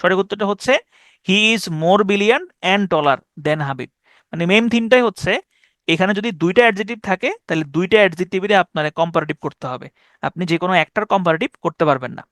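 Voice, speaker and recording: High-voiced man teaching grammar. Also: fairly bright tone, no echo, studio quality. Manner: explains step by step, reads example sentences slowly, asks "ঠিক আছে?". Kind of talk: online lecture. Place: online class over Meet and Zoom.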